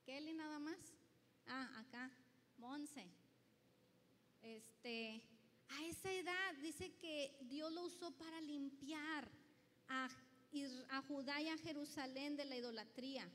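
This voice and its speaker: High-voiced woman preaching in a reverberant hall. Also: slow pace, long pauses, a bit bright. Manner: asks the congregation questions and reads scripture aloud. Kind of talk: sermon. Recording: long reverb of a large hall.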